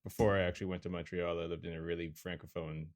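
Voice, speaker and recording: A man co-hosting a podcast, relaxed and joking, swearing casually in friendly chat. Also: low voice, fast talker, dry recording, clean studio sound. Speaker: podcast co-host and editor.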